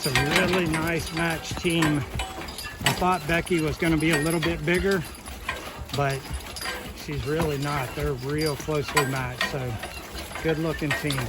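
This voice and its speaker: A man talking casually and matter-of-factly to viewers outdoors as he drives horses, in an unhurried way. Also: a little high, steady tone. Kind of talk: casual vlog talk. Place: outdoors, driving a horse team. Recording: very loud outdoor noise with clip-clopping hooves. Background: horse hooves, loud ambient noise.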